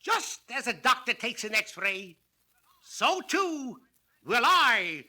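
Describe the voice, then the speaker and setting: A high-voiced, theatrical mystic swami. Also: male voice, very animated, bright, forceful tone, full character voice. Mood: showy, incanting. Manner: magic-orb mystic incantation, drawn-out and florid. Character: theatrical mystic swami fortune-teller, grandiose and sly. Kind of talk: scripted comic monologue in a retail training film.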